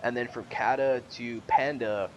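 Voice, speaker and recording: A man chatting casually on a gaming podcast, rambling through his thoughts with plenty of ums and restarts. His voice sits at an ordinary middle pitch, and a faint rumble hums under the recording. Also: measured pace, rough recording. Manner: rambling, hesitant, lots of fillers. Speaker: podcast co-host.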